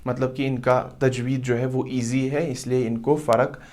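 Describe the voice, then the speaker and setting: A man teaching Quran letter pronunciation who drills each sound slowly and loudly, then explains it more softly. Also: mid-range voice, flat delivery. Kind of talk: slow tajweed lesson with drilled recitation.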